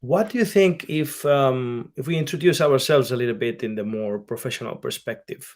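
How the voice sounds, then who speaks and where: A man in his thirties with a Spanish accent, co-hosting a casual podcast chat in halting English full of fillers. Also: mid-range voice, darkish tone. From Mallorca, Spain. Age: 30s. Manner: halting non-native phrasing, many fillers. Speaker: podcast co-host.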